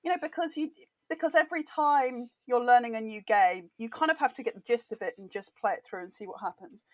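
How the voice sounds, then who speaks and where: British woman, higher pitch, dry close sound, enthusiastic, chatty guest. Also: brisk, dry recording. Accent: British English. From Britain. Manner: enthusiastic, chatty, laughs easily. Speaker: guest, board game author. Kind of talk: casual interview chat.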